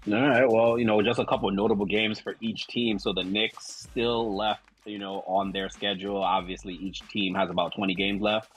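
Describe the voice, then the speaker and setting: Man, sports podcast host, very deep voice, husky, measured delivery. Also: steady tone, soft background music. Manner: measured, fills with "you know". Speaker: podcast host leading the segment. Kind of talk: casual sports chat.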